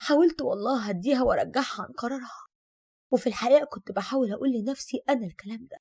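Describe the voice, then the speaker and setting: A woman in her thirties with an Egyptian accent narrates a first-person drama, her voice high and her delivery quick. She confides emotionally, as if telling a friend. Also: vocal fry, a little mellow, breathy edge. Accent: Egyptian Arabic. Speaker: storyteller.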